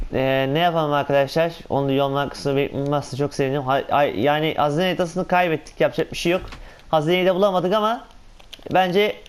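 A man giving casual, excitable commentary on his own gameplay, talking to himself and exclaiming often. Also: fairly high pitch, smooth. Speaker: gaming channel host.

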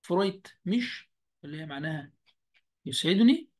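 A man with an Egyptian Arabic accent, teaching a beginner German lesson over a video call. He speaks slowly and repeats each word deliberately. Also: high voice, expressive, a little mellow. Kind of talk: online language lesson.

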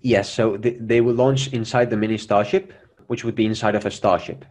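A man's voice: on the low side, fairly even intonation, a little fast, a little mellow. A young man presenting his own plan over a video call, answering questions earnestly with many fillers and restarts. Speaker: presenter of a Mars mission plan. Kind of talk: conference Q&A answers.

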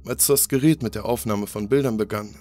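A man narrating a scripted horror story in a steady, grave storytelling manner. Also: on the low side, fairly quick. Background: faint music.

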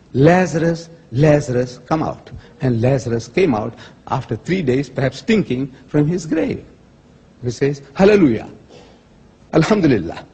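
A man with a husky, breathy voice pitched a little high argues his case in a public debate, repeating key phrases for emphasis. His words ring out with a long reverb, as if recorded in a large lecture hall. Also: a little mellow.

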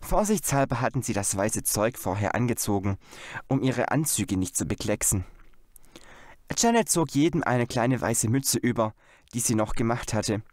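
Male audiobook reader, lively intonation, dry close sound. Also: medium pitch, moderate pace, dry recording. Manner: expressive storytelling. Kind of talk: scripted narration.

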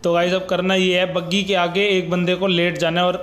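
A man's voice: high-pitched, completely flat delivery, brisk, fairly bright tone, soft background music. A young man giving casual, chatty voice-over commentary on his gameplay as a gaming YouTuber, talking straight to his viewers. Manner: chatty, keeps saying "guys" and "bhai" to viewers.

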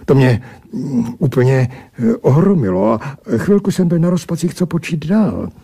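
A man narrates a classic tale aloud in the first person. His voice is gravelly and husky, and his delivery is expressive and lively, rising and falling freely as he tells the story. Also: fairly high pitch. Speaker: audiobook narrator. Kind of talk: dramatic story reading.

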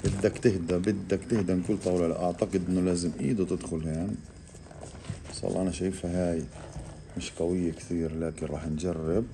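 A man, casually explaining to viewers while calmly coaxing an animal, often in a hushed voice. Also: low-pitched, quick pace, a little hiss or hum. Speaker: reptile keeper vlogger. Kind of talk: casual handheld animal vlog.

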